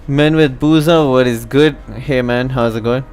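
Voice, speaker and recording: A man from India casually commenting on a live stream, chatting to his viewers in a relaxed way. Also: mid-range voice, normal speed, clean tone, soft background music. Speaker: live trading stream host.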